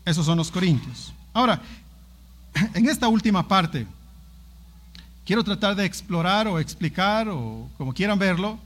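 A man's voice: high-pitched, expressive, a little slow, pauses often, fairly bright tone. A man preaching a sermon on a Bible passage, talking emphatically and with animation, breaking in with exclaimed asides.

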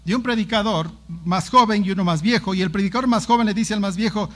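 A man with a high, light voice preaching a sermon. He reads and explains a scripture passage in an emphatic, animated way, punctuating points with exclaimed asides. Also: fast talker.

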